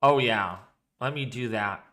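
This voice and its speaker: Bright-voiced man on a storm livestream. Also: mid-range voice, a little slow. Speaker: livestream weather co-host. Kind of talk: casual live storm commentary.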